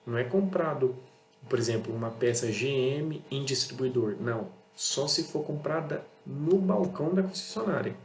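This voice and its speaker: A man's voice: mid-range voice, lively intonation, moderate pace, darkish tone. A Brazilian man running an auto parts business talks bluntly in a casual monologue, repeating himself and acting out exchanges with customers. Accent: Brazilian Portuguese. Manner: blunt, repetitive, acts out dialogues with customers. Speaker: auto parts seller and channel host. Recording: echoey room with faint hum.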